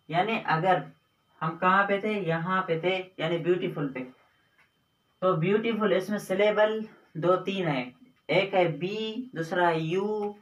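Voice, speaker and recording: A male teacher with a high voice explains grammar slowly and patiently, stretching out words and repeating points. He sounds set back from the mic, and the room gives his voice a roomy echo. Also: a bit bright. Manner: slow, repetitive explaining with drawn-out words. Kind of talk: Hindi grammar lesson on English adjectives. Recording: echoey room, voice from a distance.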